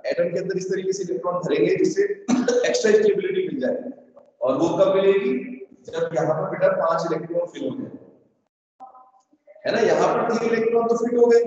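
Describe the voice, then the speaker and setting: Teacher with heavy empty-room echo. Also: male voice, high-pitched, a little mellow. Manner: keeps quizzing students, sing-song prompts. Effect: heavy echo of a big empty room. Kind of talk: online chemistry class. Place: large empty room with doors open. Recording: echoey empty hall, distant dull mic.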